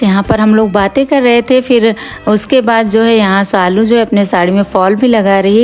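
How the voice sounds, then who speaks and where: Middle aged lady vlogger, chatty casual voiceover, normal pitch, talks to viewers like friends. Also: darkish tone. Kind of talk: casual vlog narration over home footage.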